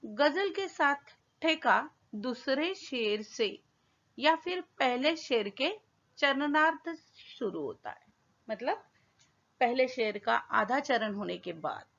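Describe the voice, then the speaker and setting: A woman teacher slowly explaining a poem in a school lesson, asking her pupils questions as she goes. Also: sits high, animated, a bit bright. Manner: slow, patient classroom explaining with questions to pupils. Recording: dull lo-fi recording.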